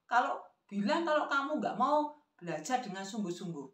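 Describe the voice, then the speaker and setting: A woman voicing a scolding old grandmother with a shrill Javanese-accented voice. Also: big pitch swings, moderate pace, a bit bright. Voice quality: shrill, nagging. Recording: roomy echo.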